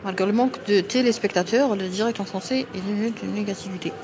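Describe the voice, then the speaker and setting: A woman's voice: mid-range voice, fairly quick. Emphatic Moroccan woman on a live stream. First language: Arabic. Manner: emphatic, forceful, repetitive. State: a bit tired. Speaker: doctor hosting a live stream. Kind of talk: live-stream talk to viewers.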